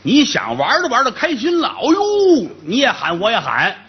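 Lively male storyteller with a lilt. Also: sits high, a little fast, slightly rough, lo-fi sound. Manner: lively, colloquial, comic asides. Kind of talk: traditional comic storytelling.

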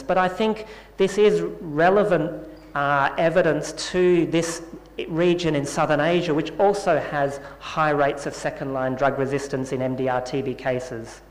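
Man presenting in an echoey hall. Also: a little high. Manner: measured, explanatory. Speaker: conference presenter. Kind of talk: scientific conference talk and Q&A. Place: conference hall. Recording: echoey conference hall with long reverb.

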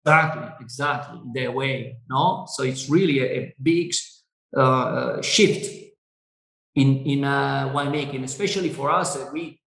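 Italian-native winemaker, halting English, roomy call audio, mid-range pitch. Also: male voice, creaky, a bit bright. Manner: halting, many fillers and restarts. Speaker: winery owner. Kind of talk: Zoom wine tasting interview. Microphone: video call.

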